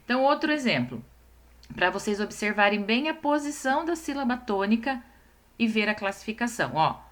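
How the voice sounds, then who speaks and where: Patiently teaching young children in a recorded lesson, a woman goes through the material one step at a time. Her voice sits on the high side, expressive and a bit bright. She slows to emphasize syllables and often checks whether the children understand.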